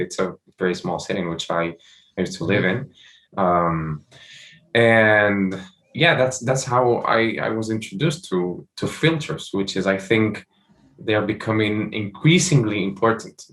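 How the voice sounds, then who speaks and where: A man's voice: fairly low pitch, a bit bright. A young man from Morocco, a startup founder, answering interview questions with many fillers and restarts.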